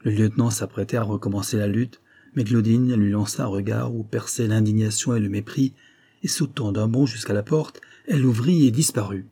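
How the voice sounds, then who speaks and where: A male audiobook narrator reads a classic novel in a measured, steady way. His voice sits low and dark, with a husky texture. The delivery stays composed throughout.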